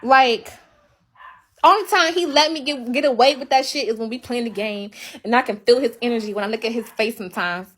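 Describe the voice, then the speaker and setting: A woman's voice: fairly high pitch, brisk, a bit bright. A young woman venting on a casual livestream, ranting bluntly and emphatically with a lot of profanity.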